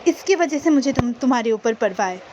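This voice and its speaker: A woman's voice: on the high side, animated, a little fast, darkish tone, muffled recording, slight background noise, voice pushed down, lightly acted. A woman voicing an angry, curt young man in a fan-fiction story retelling.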